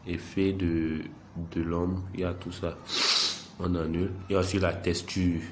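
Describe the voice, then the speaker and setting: In this screen-recorded app walkthrough, a congested man speaks low and flat, leading the audience one step at a time. Taking his time, he pokes fun at himself and describes each click aloud, with a slight background hiss of noise.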